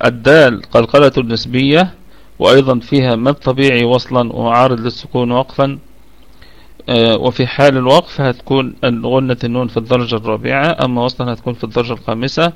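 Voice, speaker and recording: A man teaching Quran recitation rules in an online lesson, speaking with an Egyptian Arabic accent. He explains slowly and repeats words to model how they should be pronounced. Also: mid-range voice, gravelly. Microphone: online voice chat.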